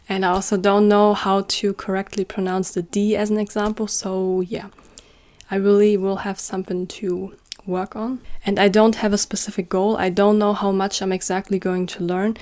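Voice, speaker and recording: Casual and self-deprecating, a young YouTuber chats to camera, her speech full of "like." She's a native German speaker from northern Germany, and her voice has a medium pitch and darkish tone.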